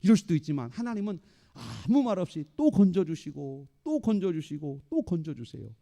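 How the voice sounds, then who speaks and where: A male pastor preaching a sermon in an animated way, acting out the voices he quotes. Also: on the high side, moderate pace, gravelly.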